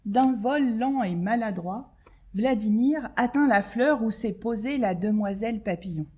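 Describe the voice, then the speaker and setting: A woman librarian reading a children's story aloud, expressive and clear for small children. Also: fairly high pitch, unhurried.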